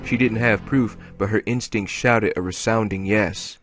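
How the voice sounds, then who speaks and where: A man narrating an audiobook chapter in a steady storytelling manner. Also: fairly low pitch, a little slow, faint music behind. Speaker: audiobook reader.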